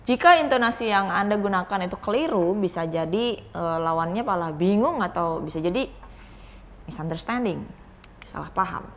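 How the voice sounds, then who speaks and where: A woman English lecturer giving a recorded video grammar lesson in a casual, explanatory way, often pausing on "eh" and slowing to stress example phrases. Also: medium pitch, expressive, a little hiss or hum. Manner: casual explanatory teaching with frequent "eh" fillers and tag-like "gitu ya".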